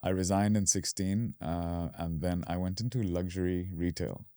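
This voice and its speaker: A man in his thirties from Dubai, guesting on a podcast and explaining things at an easy, relaxed pace. His voice sits very low and sounds warm and mellow. The room is dry, with no echo. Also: normal speed. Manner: relaxed, explanatory, fillers and restarts. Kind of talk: casual interview.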